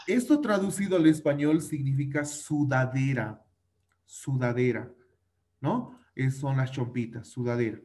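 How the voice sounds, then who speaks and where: A man's voice: mid-range voice, measured pace, darkish tone. A male teacher giving an online class for children, patiently repeating vocabulary, drilling pronunciation and using fond diminutives. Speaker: English teacher.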